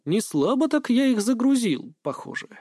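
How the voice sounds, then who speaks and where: Lively, wry male audiobook narrator. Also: very high voice, moderate pace. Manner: wry, mocking. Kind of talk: first-person audiobook narration.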